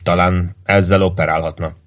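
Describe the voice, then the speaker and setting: A man voicing a calm, practical army sergeant who gives advice in a level, matter-of-fact way. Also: sits low, lightly acted. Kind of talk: audiobook character voice.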